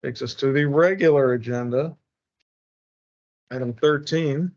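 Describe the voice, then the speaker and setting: A man chairing a public board meeting, speaking procedurally and haltingly as he works through formal business. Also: medium pitch, a little mellow. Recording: muffled, band-limited meeting recording.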